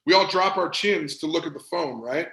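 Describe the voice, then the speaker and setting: Emphatic male performance coach, gravelly, somewhat high voice, echoey room. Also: moderate pace. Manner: energetic, emphatic, repeats words for stress. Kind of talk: motivational presentation.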